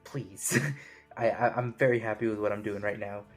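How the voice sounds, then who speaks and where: A man's voice: fairly low pitch, flat delivery, moderate pace, soft background music, natural voice. A man playing a timid, flustered young man. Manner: flustered, polite refusals. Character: timid young man who avoids confrontation. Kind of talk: tabletop role-play voicing.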